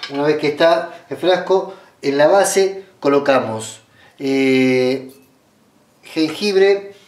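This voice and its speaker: A man with an Argentine accent guiding viewers step by step through a ritual in an unhurried, hesitant way, with many fillers and restarts. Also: on the high side, a little mellow. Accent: Argentine Spanish. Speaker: spiritual ritual guide. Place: small indoor room at a red-draped altar table. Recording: roomy, distant camera sound.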